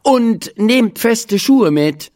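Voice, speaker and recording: A narrator voicing a patient but firm female schoolteacher who quizzes her class in a bright, coaxing tone, in a children's storybook reading. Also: mid-range voice, animated, extremely slow, voice pushed up. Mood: instructive. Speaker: class teacher.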